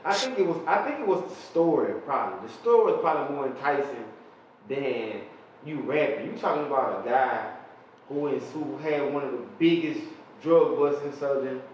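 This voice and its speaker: A man's voice: mid-range voice, lively intonation, normal speed. A man interviewing a guest in a casual conversation, making short reactive remarks. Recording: distant echoey lo-fi mic with faint noise.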